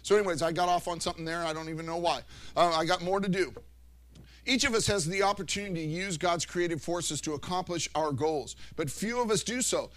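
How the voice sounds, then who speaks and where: A middle-aged man preaching a sermon through animated stories, with frequent restarts and self-corrections. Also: high voice, fairly quick. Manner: rambling, animated storytelling with many restarts. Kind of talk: anecdotal sermon.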